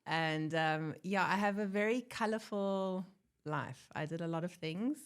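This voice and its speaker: Born in Germany and raised in South Africa, a woman who is an airline pilot tells her story as a guest in a casual interview. Her voice is fairly low and clean, and she speaks unhurriedly. She's chatty, laughs often, and acts out quotes.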